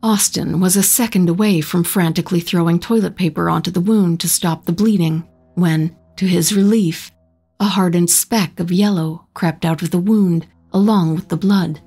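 A woman narrating a horror short story in a slow, measured storytelling manner. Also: on the low side, fairly even intonation, dark tone, husky, faint music behind.

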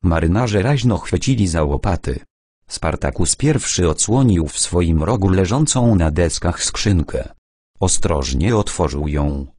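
A man's voice: low voice, lively intonation, measured pace, darkish tone, husky, dry recording. A man reading an adventure audiobook aloud, narrating the story and voicing its characters lightly.

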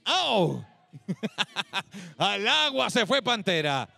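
A man hosting a competition show, commenting in an animated, exclaiming way. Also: sits high, very slow, gravelly, faint music behind. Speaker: host.

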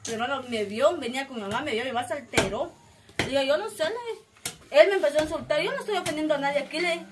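A woman rushes through her own account in a high voice, breaking off and restarting mid-sentence. The recording carries steady background noise. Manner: rambling, breathless storytelling with broken restarts. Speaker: woman telling of being beaten. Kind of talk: emotional first-person account.

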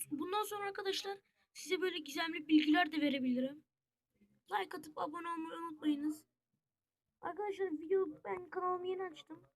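A gaming YouTuber giving casual gameplay commentary, chatty and excitable, constantly talking straight to the viewers as friends. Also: extremely high pitch. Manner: excitable, reacting out loud to the match.

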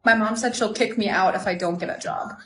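A young woman acting out her own part in POV comedy skits, expressive and sassy. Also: medium pitch, brisk. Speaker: comedy skit creator. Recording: roomy echo.

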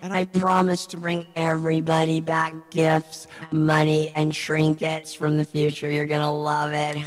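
A woman voicing a malfunctioning female robot voice simulator through a pitch-shift effect, in a comedy sketch. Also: completely flat delivery, a little slow, soft background music. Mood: gleeful. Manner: gleeful then panicking, collapsing into a whisper.

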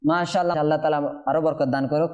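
A man's voice: fairly high pitch, steady tone, racing, a little mellow, muffled recording. A man with a Bangladeshi Bengali accent teaching Quran recitation in class, patiently repeating questions to his students.

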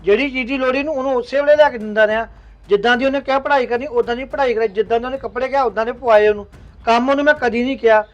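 A man's voice: very high-pitched, rapid-fire, dull audio. A man playing a dutiful elder brother who sounds aggrieved and then resigned about family trouble. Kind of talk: Punjabi web drama acting.

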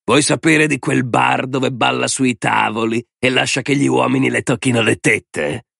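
A man's voice: medium pitch, steady tone, creaky, a bit bright, breathy edge, no echo, clean studio sound, voice pushed up, heavily acted. A man doing a sneering drunk brute. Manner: sneering, taunting, drawn-out words. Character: drunk, crude, mocking man, hostile stepfather type.

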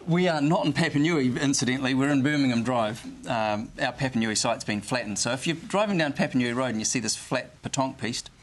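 A man's voice: medium pitch, brisk, few pauses, slight background noise. A man with a New Zealand accent, a fabric retailer, giving a casual, enthusiastic sales presentation.

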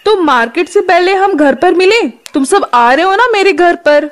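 A woman's voice: extremely high pitch, lively intonation, normal speed. A young woman acting in an amateur Hindi short film, eagerly making party plans with friends.

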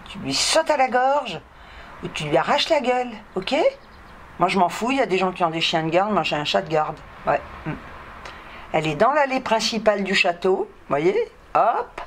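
A woman's voice: mid-range voice, big pitch swings, moderate pace, slight background noise. A French woman vlogging at home, scolding and cooing at her cats in a chatty way and tagging "hein" onto everything. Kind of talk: casual vlog talking to her pets.

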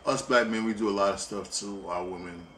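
A man co-hosting a casual couple's chat while eating, talking haltingly with frequent restarts. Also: lowish voice, steady tone, bright, forceful tone, slight background noise. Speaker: co-host.

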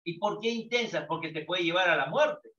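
An older man from Peru teaches psychology to students, answering the questions he asks. His voice sits high and is a bit bright, and he speaks a little fast. The lecture is captured in dull, distant, echoey lo-fi sound.

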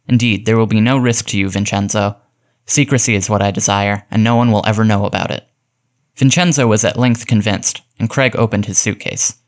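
A man narrating a classic detective short story aloud, reading its dialogue with light acting. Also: on the low side. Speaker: audiobook narrator. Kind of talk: scripted narration.

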